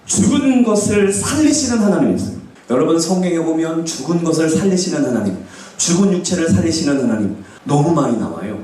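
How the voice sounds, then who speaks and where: Man preaching in a church, voice a bit high, lots of echo, mic far off. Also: slight background noise. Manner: animated, asks the congregation questions and acts out quoted speech. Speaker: pastor. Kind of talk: sermon. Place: church sanctuary. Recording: echoey church hall, distant mic.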